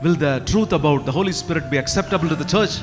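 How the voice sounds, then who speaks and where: Very slow high-voiced male sermon interpreter. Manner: slow, deliberate phrase-by-phrase translation echoing the preacher's fervor. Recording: hall reverb with faint music behind.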